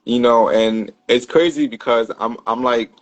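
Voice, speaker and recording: A man's voice: medium pitch, a little slow. A man talking as a guest in a casual chat, loose and full of fillers and restarts.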